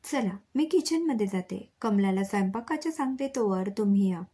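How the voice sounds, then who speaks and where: A woman voicing a caring middle-aged mother and wife in a storybook reading, with a breathy voice. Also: mid-range voice, expressive, normal speed, mellow. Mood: coaxing.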